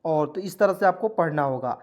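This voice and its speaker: A man's voice: fairly high pitch, moderate pace, darkish tone. A man teaching English in Hindi as an online lesson. He spells each word letter by letter, then says it, and often checks that the listener is following.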